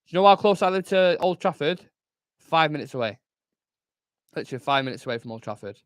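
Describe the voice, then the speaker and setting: A man's voice: fairly high pitch, animated, fast, no room sound, studio quality. A young man, hosting a live football watchalong, chatting casually, swearing freely and answering viewers. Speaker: fan channel host.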